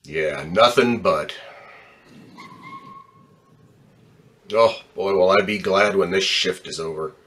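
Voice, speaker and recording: The jaded ambulance driver, voiced by a man in an old-time radio drama, grumbles bitterly in a lowish, forceful voice full of gruff, slangy, wisecracking cynicism. He speaks at normal speed, with slight background noise.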